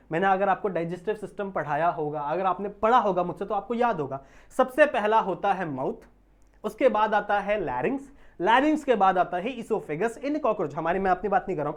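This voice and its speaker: A man giving an online biology lecture. He keeps checking whether students understand, draws technical terms out slowly, and mixes English terms into his Hindi. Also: sits high, expressive. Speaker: biology teacher.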